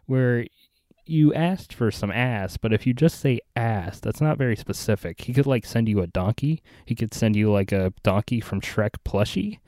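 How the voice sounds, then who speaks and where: A man hosting a casual comedic chat, laid-back and deadpan, reading out discussion prompts. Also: medium pitch, moderate pace, dry recording. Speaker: podcast host reading prompts.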